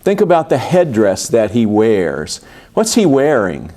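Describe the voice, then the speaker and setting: A man's voice: mid-range voice, huge pitch swings, a little slow, mellow. A man, a pastor, teaching a Bible study in an informal, conversational way. He often restarts his sentences and asks the listeners questions.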